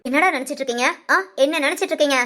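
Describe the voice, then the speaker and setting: Woman doing a high-pitched cartoon mother-in-law, stern, angry, scolding, barking orders. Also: fast talker. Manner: scolding, sharp commands. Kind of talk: cartoon voice acting.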